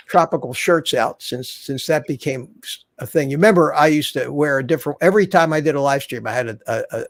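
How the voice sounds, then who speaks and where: In a dry recording without echo, a septuagenarian man chats on his casual home-studio livestream using a desk mic. His voice leans high, and his talk wanders, with many false starts.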